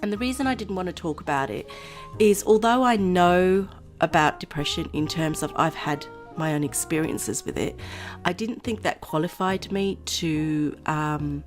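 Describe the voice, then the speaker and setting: A woman with a low voice, nasal and a little hoarse from a cold. She talks in a loose, rambling chat with frequent laughs, as if to friends on her channel. Faint music plays softly behind her. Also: normal speed. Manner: chatty and rambling, laughs often. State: voice going hoarse. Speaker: vlogger. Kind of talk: casual chat to camera.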